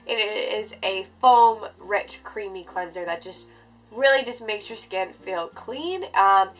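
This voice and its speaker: In a furnished bedroom, a woman in her twenties with a stuffy nose from a cold talks casually to camera about skincare, beauty-vlogger style. Her mid-range voice is unhurried and a bit bright.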